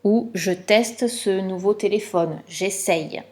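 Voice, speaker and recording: A woman teaching a reading lesson to young children, explaining slowly and clearly with patience. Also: medium pitch, darkish tone.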